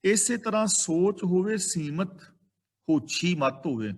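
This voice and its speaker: A man with a Punjabi accent teaches sacred verses. His voice sits a little high. He chants each line slowly, then explains its pronunciation and meaning in a steady teaching manner. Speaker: scripture teacher.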